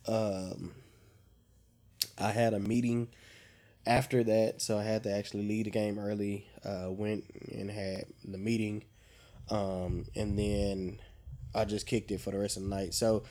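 A man co-hosting a casual podcast chat. He is congested, and he tells stories in an animated, profane way. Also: fairly low pitch, measured pace. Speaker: podcast co-host.

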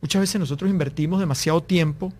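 A man's voice: on the high side, quick pace, a little mellow. A man speaking as a guest in an interview, giving business advice in an earnest tone and acting out little dialogues to make his points. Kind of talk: conversational interview.

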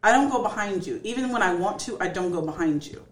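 A woman co-hosting a casual podcast chat, animated, laughing often and acting out what others say. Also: mid-range voice, fast talker. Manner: animated, laughs often, acts out quoted voices. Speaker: podcast co-host.

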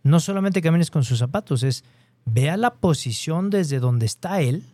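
A man's voice: a little high, lively intonation, moderate pace, a little mellow, dry recording. A man with a Mexican accent hosting a conversation, agreeing often and building on his guest's points. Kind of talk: conversational interview.

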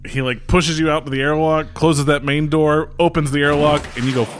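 A man's voice: on the high side, steady tone, brisk, very noisy. A man narrating as game master in casual, loose talk, laughing often and swearing freely.

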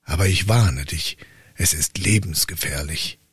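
A man voicing a grave castle lord who warns a traveller in a low, hushed voice. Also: a little slow, husky, no echo, studio quality, heavily acted. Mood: ominous. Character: grave middle-aged castle lord, warning.

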